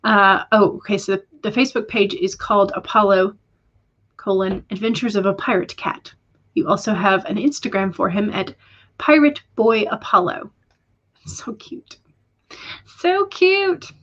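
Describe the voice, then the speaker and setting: A woman chats casually on a writing livestream and reads out viewer comments. Her pitch sits in the middle, and she fills her talk with ums and quick self-corrections. The audio is a little dull and lo-fi. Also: fairly bright tone. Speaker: writing stream host.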